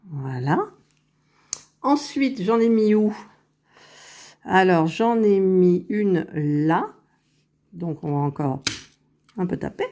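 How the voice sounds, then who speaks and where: Woman, casual crafting vlogger, slow and mellow, low-ish voice, very close to the phone mic. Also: expressive. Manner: unhurried, thinking aloud while working, self-correcting. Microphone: phone held very close to the face.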